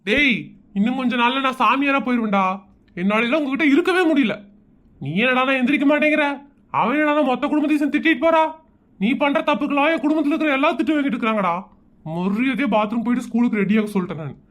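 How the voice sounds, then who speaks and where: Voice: high-pitched, fast talker, fairly bright tone. A performer voicing a harried office-going father in a cartoon comedy, grumbling at his wife and threatening his son. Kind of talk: Tamil cartoon comedy dub.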